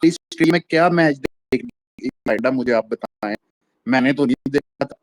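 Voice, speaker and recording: A man's voice: medium pitch, unhurried, dry recording. A man in a casual audio chat, complaining in a disappointed way about how the league is run. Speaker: caller in a cricket audio chat. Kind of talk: casual rant.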